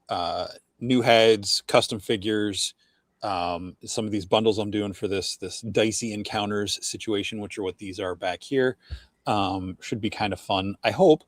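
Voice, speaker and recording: A man's voice: on the low side, no echo. A man in his forties co-hosting a casual chat, rambling with lots of fillers. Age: 40s. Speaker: co-host.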